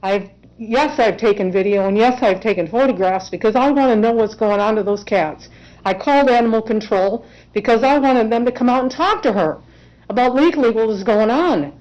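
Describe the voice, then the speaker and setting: A woman's voice: on the high side, fairly quick, darkish tone. A woman representing herself in court, giving earnest, emotional testimony in a courtroom. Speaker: self-represented respondent in court. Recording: dull lo-fi courtroom recording.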